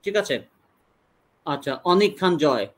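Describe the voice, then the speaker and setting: A young man with a Bangladeshi accent teaching an online English class, slowly drilling questions and answers for students to repeat. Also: sits high, animated. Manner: slow deliberate drilling of English sentences.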